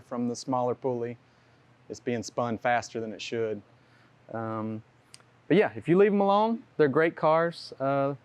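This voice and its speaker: A man mechanic giving a plain, practical explanation of engine repairs at a tech session. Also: medium pitch. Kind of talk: casual technical explanation.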